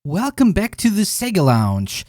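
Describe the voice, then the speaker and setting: A man's voice: high voice, wildly swooping pitch, a little slow, loud music behind the voice. A man hosting a podcast, reading a scripted intro and then chatting with a guest in an upbeat way. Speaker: podcast host. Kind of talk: scripted intro then casual interview chat.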